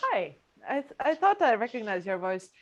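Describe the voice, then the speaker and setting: Higher-voiced woman moderating, halting delivery. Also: sing-song, dull audio, a little hiss or hum. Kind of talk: informal hosting of a film panel.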